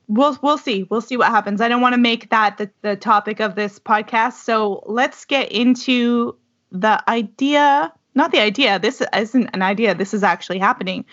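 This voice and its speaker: A woman's voice: mid-range voice, fairly bright tone. Chatty woman hosting a podcast. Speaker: podcast host. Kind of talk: casual podcast chat. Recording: dull lo-fi audio.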